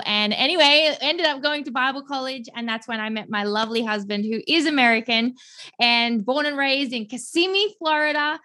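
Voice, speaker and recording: A woman in her thirties with an Australian accent, from Melbourne, talking as a guest on a podcast in an effusive, animated way. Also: fairly high pitch. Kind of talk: podcast interview conversation.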